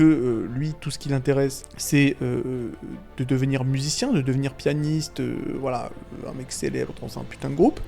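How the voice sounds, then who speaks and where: A man giving casual, rambling video commentary on animated films, full of fillers, restarts, slang and chuckles. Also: medium pitch, gravelly. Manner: slangy and irreverent. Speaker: YouTube film commentator.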